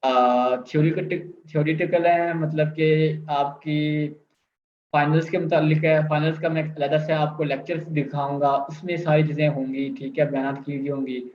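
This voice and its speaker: A man's voice: on the high side, flat delivery. Male teacher, step-by-step explainer, dull echoey room recording. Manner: explains step by step, drawing out example words slowly. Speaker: language teacher. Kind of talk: video language lesson.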